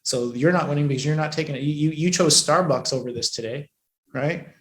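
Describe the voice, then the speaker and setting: A man coaching a live training session, profane and emphatic, pushing his voice loud and then dropping it low for effect. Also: a little fast. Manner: profane, emphatic, shifts between loud and hushed. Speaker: business coach. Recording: echoey room.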